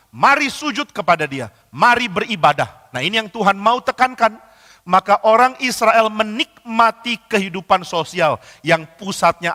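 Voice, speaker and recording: A man's voice: high-pitched, pushed and bright, long reverb tail. A man preaching a sermon as pastor. He acts out quoted dialogue and builds to emphatic repeated lines.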